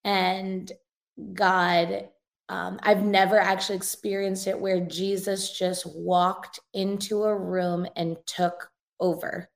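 A woman with a raspy voice that is nearly gone, speaking earnestly and emphatically as an interview guest giving testimony. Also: mid-range voice, little pitch movement, takes it slowly. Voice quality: hoarse, raspy voice. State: hoarse, losing voice. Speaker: guest, missionary and revivalist. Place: inside an old rented house, remote guest.

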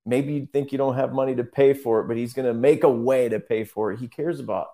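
A man's voice: medium pitch, fairly even intonation, quick pace, mellow. A man speaking as a guest minister in a casual interview, earnest and rambling, often restarting his sentences.

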